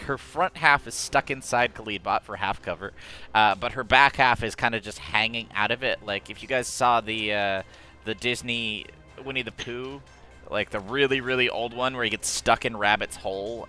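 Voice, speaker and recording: Low bright-voiced game master. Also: male voice, expressive, normal speed, faint music behind. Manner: chatty, laughing, full of fillers. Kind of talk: running a tabletop game.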